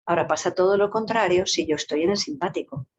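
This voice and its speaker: A woman, a psychologist and yoga teacher, explaining a topic in a talk with lively, varied intonation and playful vocal demonstrations. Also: fairly low pitch, quick pace, a little hiss or hum. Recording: dull lo-fi recording.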